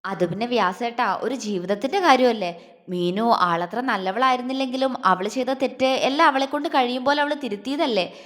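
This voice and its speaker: A woman's voice: a little high, moderate pace, a bit bright, natural voice. A woman voicing a clever, scheming young woman who talks playfully and bossily. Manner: playful, bossy. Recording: long hall reverb.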